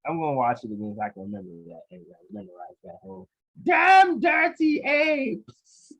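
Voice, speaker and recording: A husky-voiced man co-hosting a comedy podcast over a video call. He jokes freely, swings his pitch in lively swoops, and lets phrases sink low and quiet. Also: racing, no room sound, dull audio. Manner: joking, laughs often, trails off low. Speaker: podcast co-host. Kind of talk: casual comedic chat.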